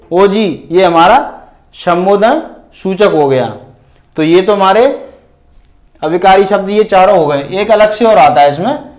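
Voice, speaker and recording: A man teaching a grammar lesson in a video, slowly explaining with examples, repeating definitions and asking the class questions. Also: sits high. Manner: slow, deliberate explaining with spoken examples.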